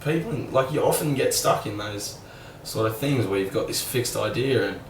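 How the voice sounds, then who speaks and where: A man's voice: on the low side, lively intonation, moderate pace. A young man, musing casually and candidly in a rambling vlog monologue full of "like". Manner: rambling, candid, fillers like "like", mild swearing. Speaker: vlogger. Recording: roomy sound, a bit far from the mic, faint background hum.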